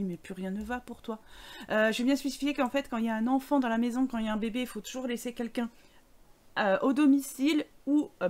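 A woman commenting casually on her life-sim gameplay, chatty and animated, often exclaiming at the screen. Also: on the high side. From France. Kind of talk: casual let's play commentary.

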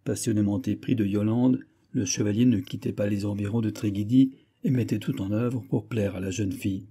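A man narrating a short story for an audiobook in a measured, even storytelling manner with a husky voice. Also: fairly low pitch. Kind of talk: scripted narration.

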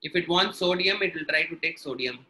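A man's voice: on the high side, fairly quick, sharp tone, low-quality recording. A man with a South Indian accent teaching biology in a live online lesson, explaining step by step and repeating his points. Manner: instructional, repeats and rephrases points.

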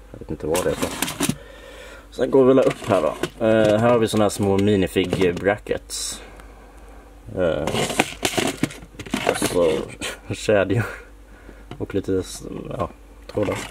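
A man from Sweden giving a casual tour of his home workshop, listing parts in a relaxed way with many fillers. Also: deep voice, vocal fry, heavy background noise. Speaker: Lego collector showing his workshop. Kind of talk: casual room-tour narration. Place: home workshop room, dim lighting.

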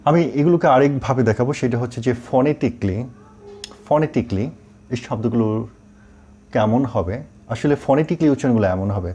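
A middle-aged man who teaches English, explaining pronunciation and spelling words out slowly, mixing English words into his talk. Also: mid-range voice, warm tone, slight background noise. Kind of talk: online pronunciation lesson.

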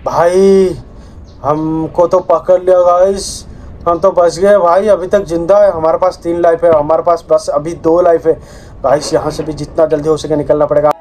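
A man's voice: fairly high pitch, level tone, moderate pace, darkish tone, slight background noise. A man giving casual gameplay commentary who keeps talking to his viewers and yelps and repeats words when startled. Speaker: gaming channel host. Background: horror game music.

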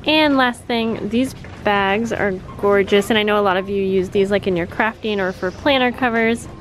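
Soft music plays behind the bustling store noise as a woman talks through her shopping trip and haul in a large discount store. Her mid-range voice moves at a normal speed, and she addresses her viewers as a friendly, casual vlogger and host.

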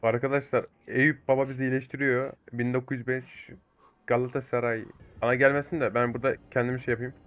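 A young man giving excitable live commentary over a multiplayer game, swearing and talking to teammates and viewers. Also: mid-range voice, fast talker, smooth, dry recording. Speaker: gaming YouTuber.

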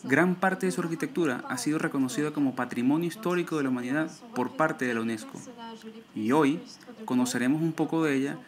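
A man delivers scripted narration in a measured, formal way. His voice sits a bit high, and a clear crowd murmur runs under it.

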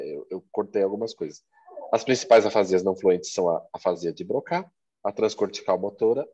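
A man talks through exam questions, animated and full of examples. His voice sits low and husky. The recording sounds dull and lo-fi. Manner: animated, explains with examples and asides. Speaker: exam prep instructor. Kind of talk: explanatory discussion of exam questions.

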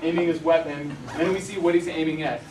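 A fast-talking young journalist from Arizona, USA, his voice slightly high, presents a slide lecture in an indoor university lecture hall. He's casual, with many ums and restarted sentences. The far-off room mic records lots of echo and steady background noise.

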